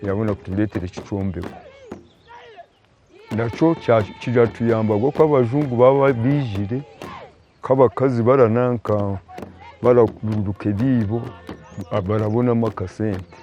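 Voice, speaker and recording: A man, a community member explaining things in a measured way in a documentary interview. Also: fairly low pitch, warm tone, lo-fi sound.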